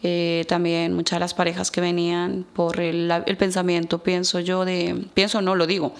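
A woman in her thirties with an Ecuadorian Spanish accent, a radio guest telling her story in a slow, reflective way. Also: lowish voice, monotone, gravelly. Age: 30s. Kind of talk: personal testimony in a radio interview.

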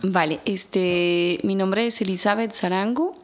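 A woman in her thirties with an Ecuadorian Spanish accent, a radio guest telling her story in a slow, reflective way. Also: mid-range voice, fairly even intonation. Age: 30s. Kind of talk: personal testimony in a radio interview.

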